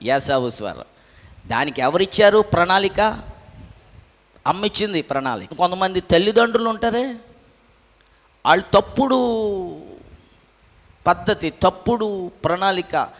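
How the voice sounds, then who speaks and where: Pastor, male, high and sharp-toned, preaching with insistent rhetorical questions. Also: expressive, normal speed, pauses often, big-room sound. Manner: preaching with rhetorical questions, rising to emphatic peaks. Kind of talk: sermon.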